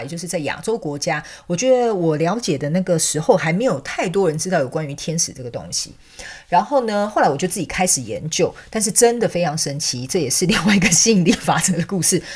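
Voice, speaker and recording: A woman, a counselor and angel card reader, telling a story in a chatty, animated way to her viewers, full of fillers and asides. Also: fairly low pitch, husky. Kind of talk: casual storytelling monologue.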